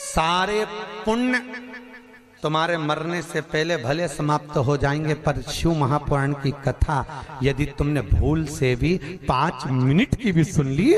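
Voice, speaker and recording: Animated preacher man before a crowd. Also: on the high side. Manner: animated, rhetorical questions to the crowd. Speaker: Shiv Puran preacher. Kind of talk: devotional sermon storytelling. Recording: crowd audible behind voice. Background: crowd laughing and responding.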